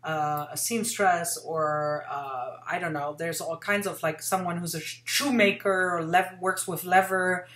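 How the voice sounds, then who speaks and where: A woman in her forties hosts a casual interview over a video call from a room at home, chatty and enthusiastic, rambling with plenty of fillers. Her fairly low voice stays steady and unhurried with hardly any pauses and a slightly bright tone. The webcam sound is roomy.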